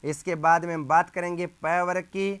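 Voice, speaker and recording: A man's voice: high-pitched, steady tone, a bit bright, clear, resonant tone. A man teaching a Hindi grammar lesson, drilling letter sounds one by one and asking questions that he answers himself. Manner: drills sounds slowly, asks and answers his own questions. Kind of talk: classroom lesson.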